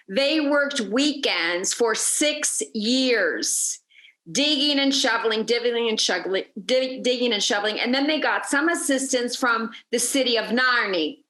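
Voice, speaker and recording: Woman tour guide, storytelling, fairly high voice, echoey room. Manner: lively storyteller, acts out quoted voices.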